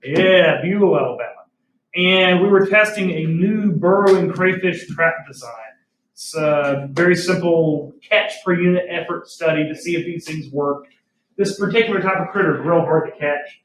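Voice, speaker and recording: A man's voice: a little high, normal speed, fairly bright tone. A male biology teacher, lecturing a class in a folksy way, telling stories and checking in with questions. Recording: roomy classroom audio from a distant mic.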